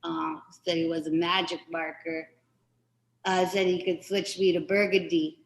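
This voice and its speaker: Rambling deadpan woman comic host. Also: lowish voice, a little slow, low-quality recording. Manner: rambling deadpan storytelling with fillers. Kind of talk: stand-up comedy bit then hosting.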